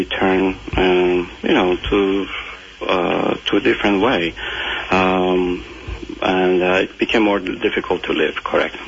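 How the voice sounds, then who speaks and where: A very deep, gravelly male voice from Iran, answering slowly with many pauses and restarts. The sound is a muffled radio broadcast with a faint hiss behind it. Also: fairly bright tone. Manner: hesitant, many fillers and restarts. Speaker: guest doctor. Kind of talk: radio interview.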